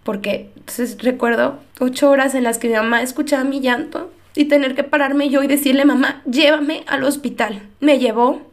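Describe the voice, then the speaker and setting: A young woman giving an earnest, emotional personal faith testimony with pauses. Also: high voice, fairly even intonation. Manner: earnest, emotional storytelling with pauses and soft laughs.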